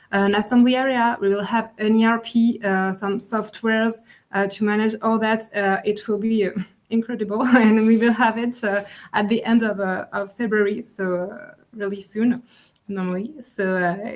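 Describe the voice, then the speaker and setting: A school staff woman presenting the facilities in a halting way, with constant fillers. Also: medium pitch.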